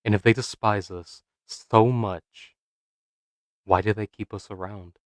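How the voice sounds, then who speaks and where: A man giving scripted narration for a video essay, measured and dramatic, posing rhetorical questions. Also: lowish voice, fairly even intonation, dry recording.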